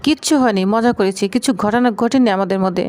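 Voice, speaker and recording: A woman's voice: mid-range voice, fairly quick, a little mellow, natural voice. A woman voicing a young husband who is curt and hurt, delivering his lines in a clipped, brusque way within a narrated recap.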